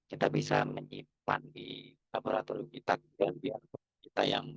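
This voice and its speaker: A man's voice: a bass voice, sing-song, normal speed, vocal fry, breathy edge, no room sound. A man tutoring a coding lesson online, his voice half robotic and warped by a faulty headset. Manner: explaining step by step. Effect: glitchy robotic voice distortion from a faulty headset.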